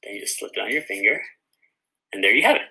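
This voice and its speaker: Speaking fast and very animated, this man has a fairly low pitch and some background noise behind him. He writes children's books and is teaching kids a craft, guiding viewers warmly through each step.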